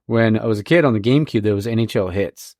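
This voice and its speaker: Laid-back low-voiced podcast host. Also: male voice, fast talker, a little mellow, no echo, clean studio sound. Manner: rambling, filler-heavy, enthusiastic. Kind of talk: casual chat.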